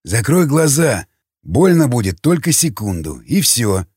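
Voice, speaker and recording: A man voicing a calm, sardonic male cannibal with a baritone voice, mocking and quietly threatening. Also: unhurried, breathy edge, no room sound, studio quality. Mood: menacing.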